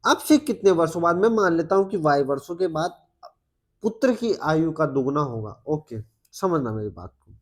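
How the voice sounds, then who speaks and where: Indian guy teaching maths for an exam, fairly high voice, keeps going "samajhna, batao", loud then muttering sums. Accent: Indian Hindi. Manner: coaxing, asks the students questions as he works; loud, then muttering calculations under his breath. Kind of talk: solving maths problems step by step.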